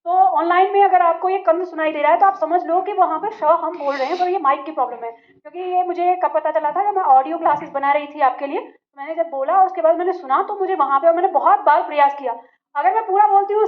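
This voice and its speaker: High-voiced woman teaching a language lesson. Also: phone-quality sound. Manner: patient, repeats words slowly for drill. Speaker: Hindi teacher. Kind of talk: classroom lesson on pronunciation.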